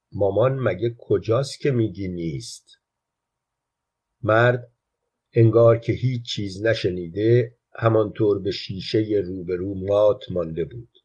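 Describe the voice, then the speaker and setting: A man narrating a literary short story, his voice low and husky. He keeps a quiet, even storytelling delivery throughout. The reading sounds unhurried and intimate.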